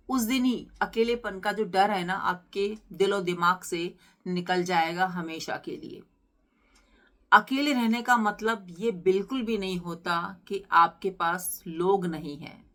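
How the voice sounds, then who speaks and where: A woman's voice: mid-range voice, pushed and bright. A middle-aged woman hosting a motivational channel, coaxing her listeners with rhetorical questions and direct address. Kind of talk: motivational talk to camera.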